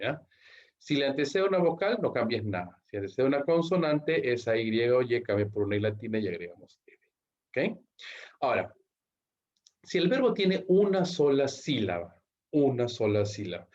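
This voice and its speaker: A man's voice: medium pitch, a little mellow, lo-fi sound. A male English teacher giving an online class lecture, explaining rules step by step and checking in with frequent "¿ok?" after each point. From Peru.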